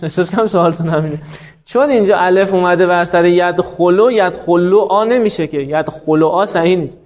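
A man's voice: high-pitched, darkish tone. A man teaching a grammar class, explaining patiently, quizzing his students and drawing out the words he quotes. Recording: muffled lo-fi classroom recording.

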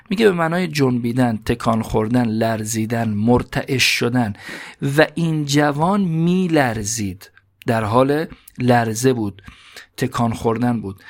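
A man teaching a slow, deliberate grammar lesson, parsing a classical text word by word. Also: mid-range voice, vocal fry. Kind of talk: seminary-style grammar lesson.

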